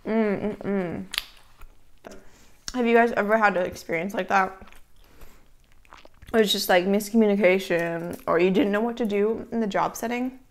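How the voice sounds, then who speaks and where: A woman's voice: mid-range voice, fairly quick. A woman hosting an eating show, telling stories in casual chat and chewing while talking, with savoring hums between phrases. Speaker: mukbang host.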